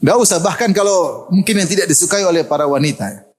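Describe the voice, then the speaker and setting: A middle-aged Indonesian man delivers a sermon in a lively, joking way and laughs often. His voice sits a little high for a man. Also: quick pace, slightly rough. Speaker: preacher.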